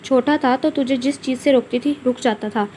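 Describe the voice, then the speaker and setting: A woman's voice: sits high, moderate pace, mellow, a little hiss or hum, close to an everyday voice. A woman voicing a young village woman who fondly scolds like a mother, in a read-aloud story. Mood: teasing scold.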